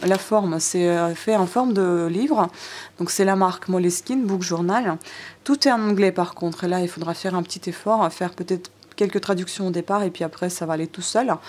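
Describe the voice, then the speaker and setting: Filming on a DSLR camera set on a tripod, a woman vlogs a haul, walking viewers through each item and addressing them directly. Her medium-pitched, darkish voice carries a little hiss or hum, and she sounds hesitant and chatty, with many fillers and restarts in this casual show-and-tell.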